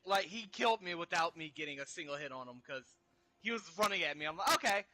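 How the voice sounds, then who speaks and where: A young man chatting over a game, his high voice leaping all over the place and ringing with a bright, sharp edge. He is excitable, laughs a lot and swears freely, trading loose banter with his friend. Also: fast talker, no room sound. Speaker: co-op gaming partner. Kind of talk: casual game-stream banter.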